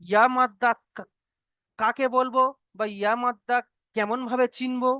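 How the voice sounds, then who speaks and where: This teacher runs an online class on reading Arabic letters for the Quran, with a smooth, resonant voice in a dry, close sound. Each rule comes slowly and gets repeated again and again. Frequent checks of "okay?" keep the students following along. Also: medium pitch, steady tone, pushed and bright, no room sound, highs cut off.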